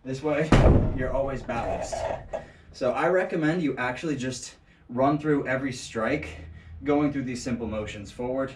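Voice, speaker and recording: A man's voice: mid-range voice, moderate pace. A man giving a casual martial arts lesson, joking and thinking aloud as he demonstrates, recorded on an action camera set some way off in an indoor training space. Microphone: action camera set at a distance. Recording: echoey room, distant camera mic, faint noise.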